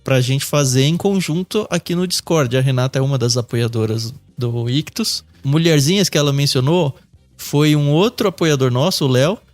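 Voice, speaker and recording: A man hosts a podcast in a relaxed, friendly tone, at a mid pitch. His voice sounds dry and close to the mic. Faint music sits underneath. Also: moderate pace, no echo. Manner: relaxed, friendly, explains to listeners. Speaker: podcast host. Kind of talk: casual podcast hosting.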